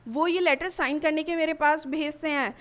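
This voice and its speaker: A young woman, a college student, gives a halting personal account in a news interview, often restarting her sentences. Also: high voice, fairly even intonation, a bit bright. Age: young adult. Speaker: college student giving testimony.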